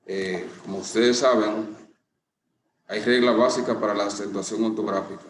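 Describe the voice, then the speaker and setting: A middle-aged man teaching a lesson, explaining slowly and deliberately with a few restarts. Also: fairly low pitch, steady tone, a little hiss or hum. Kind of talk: classroom lesson. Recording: echoey room with faint ambience.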